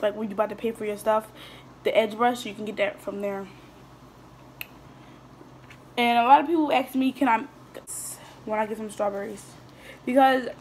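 With a voice on the high side, a teenage vlogger rambles casually to her audience while eating, answering questions with lots of fillers and restarts and occasionally a full mouth. She sits at a table in a small room, filmed by a phone camera in front of her, with some background noise.

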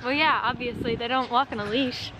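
Young woman, higher voice, dry teasing humor, outside with clear background noise. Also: steady tone, a little fast. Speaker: friend. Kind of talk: casual chat.

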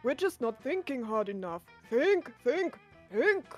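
A woman voicing a stubborn teen monster student in a lower, slower voice, with blunt, dismissive phrasing. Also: sing-song, faint music behind, full character voice.

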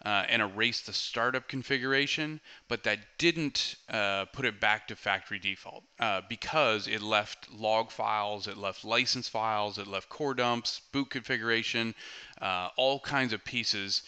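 Bright, clear-voiced male tech trainer. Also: lowish voice, unhurried. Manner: relaxed, conversational, many "uh"s. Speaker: product trainer. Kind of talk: screen-recorded tech tutorial voice-over.

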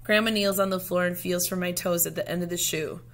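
Female storybook reader, lower-pitched, teacherly, deliberate and expressive delivery for kids. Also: slight background noise. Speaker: teacher reading aloud. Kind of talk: expressive children's picture book read-aloud.

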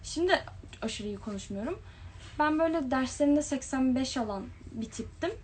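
A woman's voice: sits high, lively intonation, normal speed, darkish tone, a little hiss or hum. Young woman chatting on a livestream. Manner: chatty, reads comments aloud then answers them. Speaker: livestream host. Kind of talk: casual live-stream chat reading viewer comments. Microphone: phone or webcam livestream.

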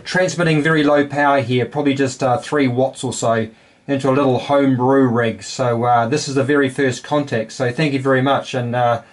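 A man's voice: medium pitch, fairly even intonation, brisk. A man with a New Zealand accent talking casually and a little hesitantly about his hobby, in an easygoing explaining manner. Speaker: amateur radio builder and host. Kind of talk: casual hands-on hobby demonstration. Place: indoor home electronics workbench.

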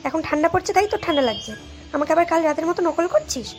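A woman's voice: extremely high pitch, animated, very fast, music in the background. A woman voicing a scolding but caring mother in a cartoon, nagging her daughter. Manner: nagging, scolding, then soothing. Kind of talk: Bengali cartoon voice acting.

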